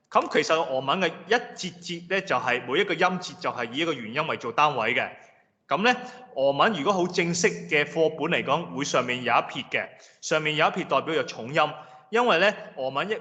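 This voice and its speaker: A man lecturing a class in a patient, explanatory way, slowly repeating example words. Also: on the high side, bright, forceful tone. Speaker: language lecturer. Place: lecture room. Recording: reverberant hall, dull lo-fi sound.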